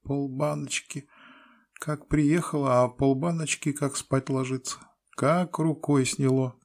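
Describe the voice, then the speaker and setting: A man doing a sing-song fawning peasant woman. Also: takes it slowly. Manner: sing-song, flattering, high wheedling. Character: ruddy fawning peasant woman about thirty.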